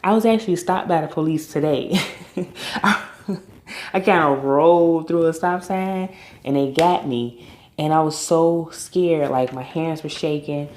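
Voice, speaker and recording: A woman's voice: sits low, unhurried, darkish tone, echoey room, a little hiss or hum. A woman recapping a reality TV episode in a chatty, opinionated way with informal slang. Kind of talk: casual recap commentary.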